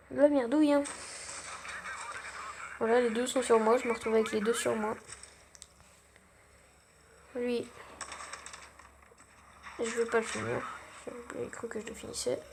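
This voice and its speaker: A woman's voice: a little high, vocal fry, noisy background. A young woman giving casual, self-mocking gameplay commentary, full of gamer slang. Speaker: gaming channel host.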